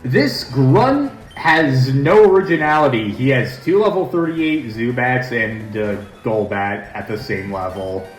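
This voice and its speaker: A man hosts a let's play at a middle pitch, chatting and joking his way through the game. His voice bounces around a large, echoey room at home. Soft game music sits low in the background. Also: expressive, unhurried, hardly any pauses. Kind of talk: casual gameplay commentary.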